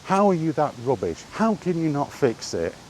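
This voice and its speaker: A British man with a fairly high, sing-song, slightly mellow voice speaks at normal speed on a rough outdoor recording with clear background noise. Like a gaming vlogger chatting on a walk, he rants spontaneously, exasperated and swearing, asking the same rhetorical questions over and over.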